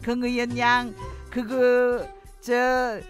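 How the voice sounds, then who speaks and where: A woman's voice: on the high side, flat delivery, drawn-out words, soft background music. A woman playing a middle-aged Jeju wife in a radio drama skit, speaking with a Jeju accent and rambling wistfully with sighs. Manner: rambling, reminiscing, sighing "aigo".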